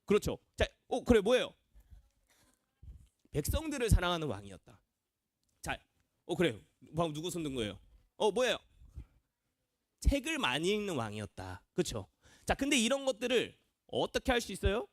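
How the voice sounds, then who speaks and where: A man's voice: sits high, huge pitch swings, moderate pace, pauses often, dry recording, clean studio sound. A young man, a junior pastor, preaching a children's sermon in a church classroom, quizzing the kids and acting out voices. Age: young adult.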